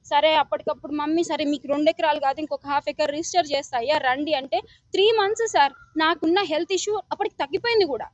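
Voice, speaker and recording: A woman's voice: high-pitched, dry recording, dull audio. A young woman gives an urgent, pleading account to a news reporter, often calling him sir. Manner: urgent, pleading, repeatedly addressing the listener as sir. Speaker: complainant interviewed by news reporter. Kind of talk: emotional testimony to a reporter.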